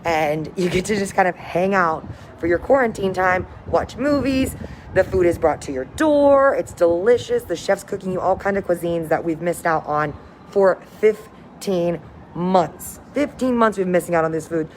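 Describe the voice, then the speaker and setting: An upbeat cruise director, a woman with a slightly low-pitched voice, chats casually to her viewers on a livestream. She sounds enthusiastic and informal, and there is clear ambient noise behind her. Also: moderate pace. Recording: noticeable background noise, windy ambience.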